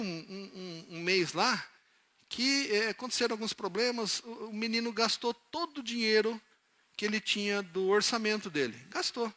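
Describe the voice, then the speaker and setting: A man from the São preaching in a church, his voice high-pitched and bright. He moves from soft, low storytelling into loud, emphatic calls to his listeners. He acts out the characters in his stories as he goes. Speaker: pastor. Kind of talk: sermon with illustrative stories. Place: church service, live-streamed.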